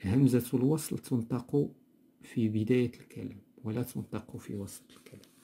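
A man with a Moroccan accent teaching a grammar lesson from a textbook, explaining slowly and repeating words. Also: lowish voice, gravelly, dark tone, a little hiss or hum. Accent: Moroccan Arabic. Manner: explanatory, repeats words slowly, mixes dialect with standard Arabic.

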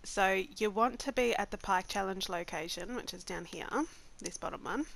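Gravelly, nasal woman with the flu. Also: medium pitch, normal speed, fairly bright tone. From Australia. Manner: casual, step-by-step instructing. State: has the flu. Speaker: gaming channel host. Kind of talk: gameplay tutorial narration.

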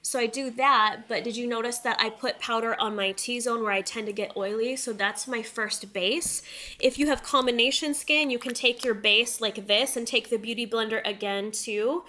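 A woman's voice: on the high side, moderate pace, sharp tone, slight background noise. A woman in her thirties with a nasal, stuffy nose from a cold, chatting directly to viewers through a casual beauty tutorial. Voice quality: nasal, slightly stuffy-nosed. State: getting over a cold. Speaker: makeup tutorial host. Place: indoor room studio set, seated close to camera.

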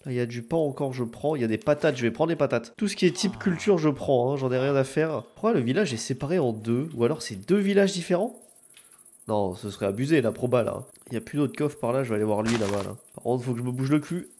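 A man's voice: mid-range voice, expressive, fast talker, a little mellow. A young man giving chatty live gameplay commentary, swearing often and yelping when something startles him. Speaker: gaming video creator.

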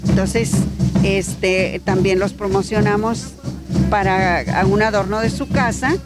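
Older woman pitching her products. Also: fairly even intonation, slow. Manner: friendly, promotional. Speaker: therapist. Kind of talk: casual interview. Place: large indoor event hall. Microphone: handheld mic held by host. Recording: loud music behind.

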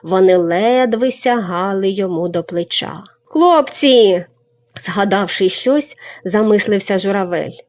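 A woman reading a children's story aloud with expressive storybook narration. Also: medium pitch, normal speed. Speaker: reader. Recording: dull lo-fi recording.

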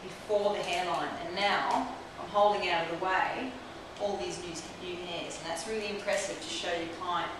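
In this instructional demo, a woman in her forties, a trichologist, explains her method while treating a client in a small clinic room. Her voice sits on the low side, with fairly even intonation, a normal pace, and hardly any pauses. Room echo and steady hiss come from a camera mic placed across the room.

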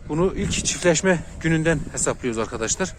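A man's voice: brisk, background noise. A man presenting his own dog vlog, talking to viewers while tending his dogs outdoors. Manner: coos at dogs in a high, loud voice, calm and lower when explaining. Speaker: dog breeder vlogger. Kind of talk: casual vlog narration to viewers.

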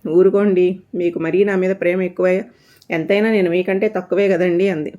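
A scolding, quick-tempered mother from a read-aloud family story, voiced by the woman narrator. Her tone is lowish and flat, telling off with little swing. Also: lo-fi sound, natural voice. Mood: sulky.

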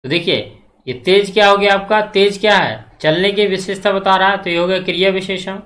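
A man's voice: high voice, brisk, fairly bright tone. Hindi grammar teacher quizzing his class. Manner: repetitive, asks the class questions and answers them; checks in often. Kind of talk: exam-prep grammar lecture.

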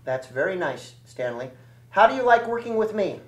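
A man's voice: high-pitched, big pitch swings, normal speed, echoey room, distant mic. A man working as a ventriloquist, playing the patient, mildly scolding straight man to his dummies.

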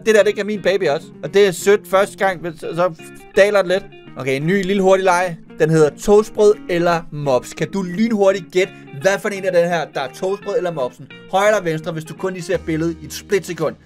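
A man giving playful, jokey commentary as a YouTuber reacting to animal videos, full of exclamations and asides. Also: high-pitched.

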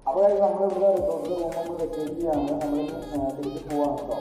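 Kerala guy doing a travel vlog, talks really fast, malayalam english mix, hyped, music behind him. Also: fairly high pitch. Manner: mixes English words into Malayalam; enthusiastic, repeats catchphrases of approval. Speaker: travel vlogger, host. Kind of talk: casual vlog commentary to viewers.

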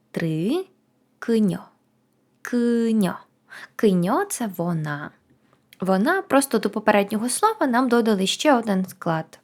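Woman teaching a language lesson. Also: mid-range voice. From Ukraine. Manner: counts down before each word, then says it slowly twice.

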